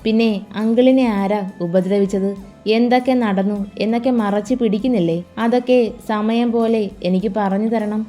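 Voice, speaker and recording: A woman doing a calm young man. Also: medium pitch, moderate pace, faint music behind, natural voice.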